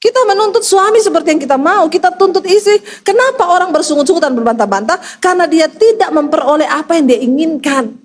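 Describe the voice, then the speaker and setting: A middle-aged woman pastor preaching a sermon with humorous, animated storytelling. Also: very high-pitched, fast talker, hardly any pauses.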